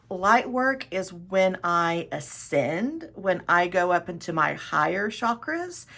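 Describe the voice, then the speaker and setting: Slow, gravelly-voiced woman chatting. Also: mid-range voice, fairly bright tone. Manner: rambling, self-correcting, enthusiastic. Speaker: tarot video host. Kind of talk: casual chat to camera.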